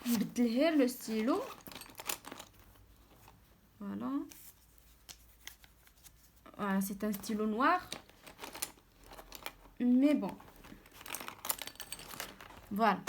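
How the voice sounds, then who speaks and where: Brief: young Moroccan-accented female tutor, slightly high voice, slow careful dictation. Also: lively intonation, a little hiss or hum. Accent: Moroccan Arabic. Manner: slow, drawn-out dictation of French words. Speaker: online tutor. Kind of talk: French lesson explained in Moroccan Arabic.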